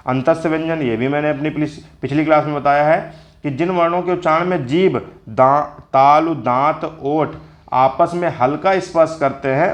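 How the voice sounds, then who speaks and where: A man teaching Hindi grammar in a spoken lesson, explaining step by step and repeating each definition for his viewers. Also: fairly high pitch. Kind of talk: slow spoken classroom lesson.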